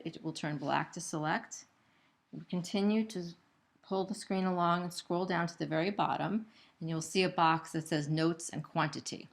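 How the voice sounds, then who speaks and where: Low, creaky-voiced woman narrating corporate training. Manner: patient, methodical, explanatory, unscripted. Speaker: trainer for gallery sales staff. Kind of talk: corporate training video, step-by-step instructional narration.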